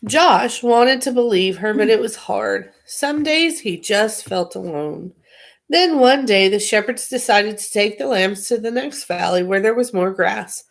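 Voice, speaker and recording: A woman's voice: medium pitch, expressive, a little slow, creaky. A woman reading a children's picture book aloud on a livestream, playful and chatty between pages. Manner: playful, giggly, chatty asides. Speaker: storybook reader, livestream host.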